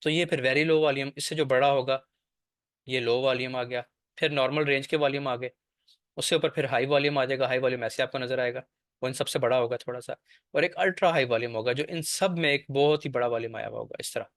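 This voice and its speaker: A man's voice: mid-range voice, a bit bright, no room sound, studio quality. A man teaching a trading class over a screen share, explaining step by step and often checking that the listener follows.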